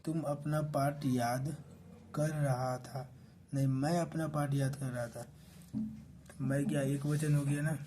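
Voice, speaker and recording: Man, Indian accent, English lesson, slow delivery, letter-by-letter spelling. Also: mid-range voice, fairly even intonation, dark tone, slight background noise. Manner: spells words letter by letter, checks in with "ठीक ना". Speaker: English teacher. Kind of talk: slow classroom explanation.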